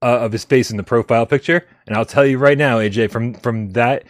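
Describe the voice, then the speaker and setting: A man's voice: medium pitch, fairly even intonation, a little fast, no room sound, studio quality. A man hosting a casual live gaming stream, joking with his co-host and reading out viewer tips, often restarting his sentences. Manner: laid-back, jokey, stumbles and restarts. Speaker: podcast host.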